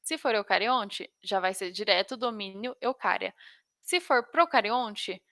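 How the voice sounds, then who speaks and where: A woman's voice: mid-range voice, unhurried, sharp tone, no room sound, clean studio sound. A Brazilian woman with a slight tongue-tied lisp, teaching an informal biology lesson to exam students and stumbling over technical terms.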